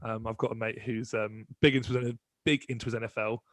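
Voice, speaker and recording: A man's voice: lowish voice, flat delivery, fairly bright tone, dry recording. A man co-hosting a podcast in casual chat, chatty and full of restarts. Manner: quick, chatty, many restarts. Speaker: podcast co-host.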